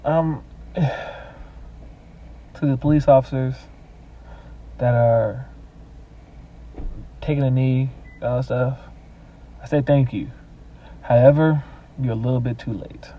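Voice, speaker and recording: A man co-hosting a podcast from home, talking in a restrained, measured and low-key way while holding back anger. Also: fairly even intonation, recorded from a distance, highs cut off. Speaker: podcast co-host. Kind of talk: casual podcast talk. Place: home at night.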